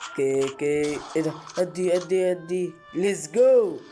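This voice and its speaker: A man with an Egyptian Arabic accent giving excitable let's-play commentary, repeating short exclamations and breaking into sudden high yelps. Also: a little slow, music in the background. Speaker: gaming channel host.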